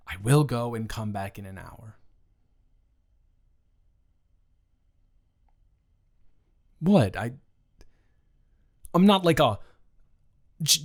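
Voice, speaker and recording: In an improvised romantic audio roleplay aimed at the listener, a man with a mid-range voice plays an awkward, earnest young ex-boyfriend who teases a little while trying to reconcile. He sounds earnest and flustered, speaking slowly and haltingly, stammering through long pauses.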